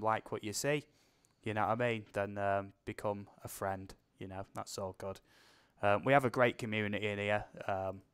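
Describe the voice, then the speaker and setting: Casting: British man, stream host, smooth resonant voice, easygoing and chatty. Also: lowish voice. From United Kingdom. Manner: chatty, laughs often. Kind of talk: casual chat.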